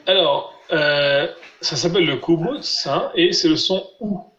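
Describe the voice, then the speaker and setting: A man's voice: a little high, bright, forceful tone. Patient male teacher drilling syllables. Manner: patient, repeats syllables slowly for students. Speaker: Biblical Hebrew teacher. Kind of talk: live online class. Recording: roomy, dull lo-fi sound.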